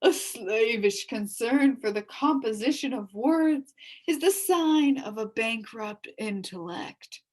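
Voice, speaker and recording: A woman voicing a pompous, blustering beetle-like male humbug who speaks in a booming, bombastic way. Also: animated, slow. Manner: booming, bombastic, self-important.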